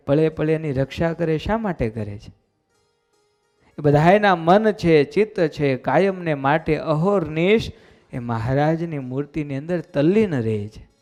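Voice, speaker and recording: A man's voice: fairly high pitch, a little mellow. Folksy man preaching a sermon. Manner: folksy, conversational storytelling, voices quoted characters. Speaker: preacher giving a religious discourse. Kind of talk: sermon storytelling. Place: temple hall.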